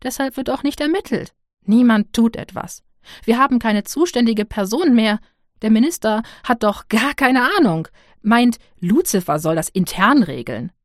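A woman's voice: on the high side, moderate pace, no room sound, clean studio sound, voice pushed up, close to an everyday voice. A woman voicing an indignant fussy official. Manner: animated, indignant scolding. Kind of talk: audiobook character voice.

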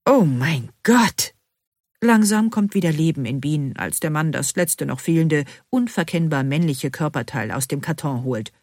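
A woman narrating a first-person novel in an expressive, animated way, as an audiobook reader, recorded close. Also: deep voice, moderate pace, few pauses, dry recording.

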